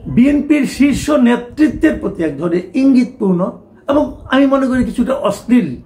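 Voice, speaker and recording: A man's voice: very high voice, lively intonation, moderate pace, a little mellow. A middle-aged man, giving a talk show political commentary with emphatic rhetorical questions.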